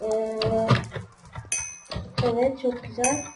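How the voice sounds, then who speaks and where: Woman host doing casual game commentary to viewers; quick to complain, recorded distant in an echoey room. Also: a little high, fairly even intonation, music in the background. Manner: grumbling, easily frustrated, talks straight to viewers. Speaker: gaming channel host. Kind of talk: casual let's-play commentary. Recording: roomy, distant mic with background noise.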